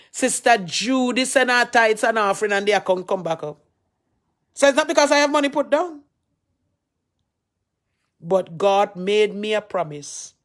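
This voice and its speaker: A woman pastor with a Jamaican accent, talking to her followers on a livestream, affectionate and pleading, repeating her phrases. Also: medium pitch.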